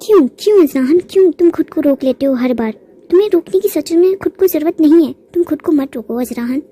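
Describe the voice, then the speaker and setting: Lovestruck young heroine in a manga recap, high, mellow and pleading, put on by a woman. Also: brisk, lightly acted. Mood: desperate, pleading. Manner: pleading, affectionate.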